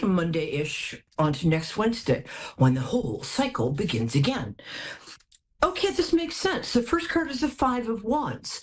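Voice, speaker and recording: Animated, wry woman psychic host. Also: medium pitch. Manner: theatrical endearments, playful wry asides. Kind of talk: casual live tarot reading to viewers.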